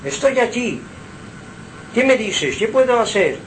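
An earnest young man of about twenty answers a calling voice with humble pleading, as a preacher acts him out. He is voiced high and unhurried within a spoken sermon. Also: big pitch swings, slight background noise, full character voice, low-quality recording.

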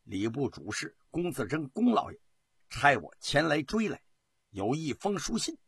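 A man's voice: fairly high pitch, very animated, moderate pace, creaky, slightly rough, no echo, studio quality, full character voice. A man voicing an earnest, polite young messenger in a traditional storytelling performance.

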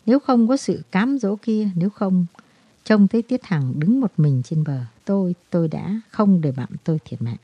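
Storybook figure: broken, guilt-ridden man, halting confessions, read by a woman in a dry, dull take. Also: medium pitch, lively intonation, husky, no room sound. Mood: confessional.

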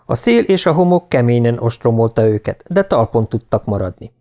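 A man narrating an audiobook in an even, measured storytelling manner. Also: medium pitch.

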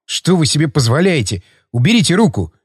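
A man's voice: fairly high pitch, very animated, fairly quick, husky, dry recording, clean studio sound, full character voice. A man reading an audiobook, voicing a defiant young husband who answers back curtly. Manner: curt, defiant retorts. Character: defiant young husband, stubborn and sharp-tongued.

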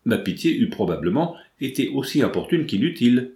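A formal, well-mannered gentleman answers courteously and a little bewildered, as a man reads him in his own middle-pitched voice. The voice carries a roomy echo. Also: big pitch swings, brisk. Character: polite, puzzled gentleman visitor.

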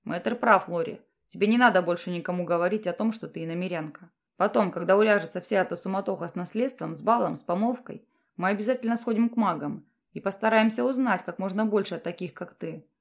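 A woman reading an audiobook, voicing a male noble commander who talks in a soft, low voice and turns firm when he gives orders. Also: fast talker, creaky. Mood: tender. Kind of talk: audiobook character voice.

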